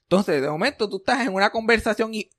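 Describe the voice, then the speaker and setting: High-voiced sarcastic man. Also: fast, no echo, clean studio sound. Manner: sarcastic, animated storytelling with English words mixed in. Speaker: podcast co-host. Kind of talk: casual chat.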